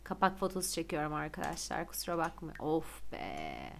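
A young woman streaming a life-sim game, chatting excitedly and gushing to her viewers. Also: low voice, normal speed, creaky, slight background noise. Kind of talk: casual gameplay commentary.

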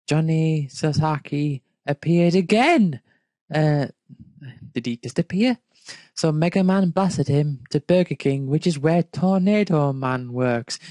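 In a dry recording, a dark-toned, medium-pitched voice reads fan fiction out loud. The speaker halts to mock and question the text, making it an amused read-aloud full of improvised remarks.

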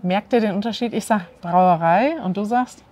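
Outdoors in a courtyard beside an ivy-covered wall, a northern German woman in her thirties leads a language lesson in standard German. She has a mid-range voice and talks at normal speed, clear and lively while getting her guest to repeat words.

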